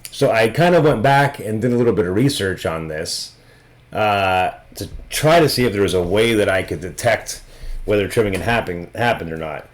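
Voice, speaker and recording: A man hosting a casual video review of trading cards, talking loosely and thinking aloud as he goes. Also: fairly low pitch. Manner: loose and conversational, thinking aloud with frequent restarts. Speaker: trading card reviewer and host.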